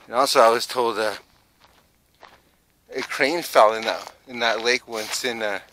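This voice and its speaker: A man's voice: mid-range voice, unhurried, sharp tone, poor audio. A man casually narrating his own exploring vlog outdoors, rambling and unsure of himself. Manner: rambling, unsure, chuckling asides. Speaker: vlogger exploring abandoned places. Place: outdoors in rural countryside.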